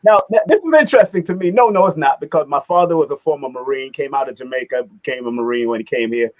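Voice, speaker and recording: A middle-aged man hosting a casual interview, animated, repeating his words and laughing often. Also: mid-range voice, fast, muffled recording. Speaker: host.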